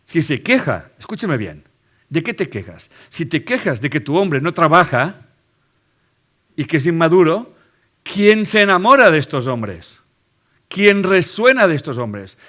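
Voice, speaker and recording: Animated Spanish-accented man lecturing. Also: a little high. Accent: Spain Spanish. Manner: lively, drives points home with rhetorical questions and tag checks. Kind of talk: live lecture to an audience.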